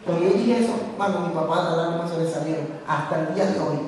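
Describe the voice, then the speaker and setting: A man's voice: fairly high pitch, fast talker, crowd noise. A man in his fifties preaching a sermon in a church, speaking with passion and turning straight to the congregation. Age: 50s. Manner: impassioned preaching, addresses the congregation directly. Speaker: pastor. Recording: very echoey church hall, mic far off.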